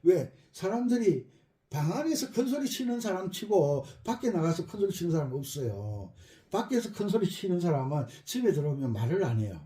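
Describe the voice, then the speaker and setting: Middle-aged guy teaching accordion, high voice that swings all over, echoey room. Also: a little fast. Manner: lively, repeats key phrases, jokes with students. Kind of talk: spoken music lesson.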